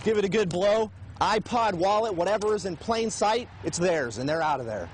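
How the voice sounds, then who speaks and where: A man's voice: high-pitched, expressive, moderate pace. A man delivering a rehearsed TV news report on location outdoors, with vehicle noise around him.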